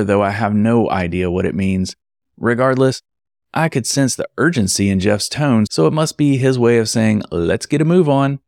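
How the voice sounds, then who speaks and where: A man tells a personal story from his work as an event photographer, speaking conversationally and tossing wry asides to the listener. His voice sits low with a gravelly edge. The recording is dry and close. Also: a little mellow, no echo. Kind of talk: storytelling narration.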